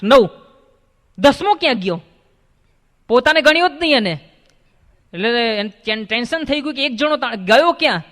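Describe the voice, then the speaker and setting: High-voiced, animated male preacher. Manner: animated storyteller, acts out the characters. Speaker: swami giving a religious discourse. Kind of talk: sermon with storytelling. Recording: long hall reverb.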